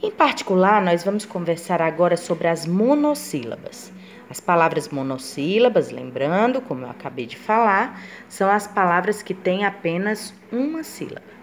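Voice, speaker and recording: A woman's voice: on the low side, big pitch swings, moderate pace. A woman teacher gives a grammar lesson, explaining step by step and voicing her students' questions.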